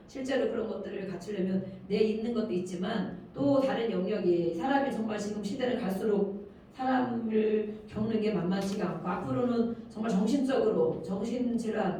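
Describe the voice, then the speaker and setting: An older woman pastor preaching an earnest sermon, her voice swelling loud on key phrases and then dropping low. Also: slight background noise. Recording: very echoey room, speaker far from mic.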